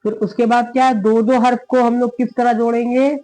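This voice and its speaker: A man's voice: very high-pitched, flat delivery, a little fast, darkish tone. A man teaching Urdu reading who spells out words letter by letter and patiently repeats each syllable. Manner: patient, keeps checking with "thik hai". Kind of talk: slow step-by-step reading lesson.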